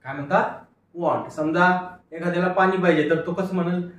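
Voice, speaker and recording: A man's voice: high-pitched, fairly even intonation, brisk, a little hiss or hum. A man teaching English word reading, patiently asking questions and answering them himself in call-and-repeat drills. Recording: very echoey room, mic at a distance.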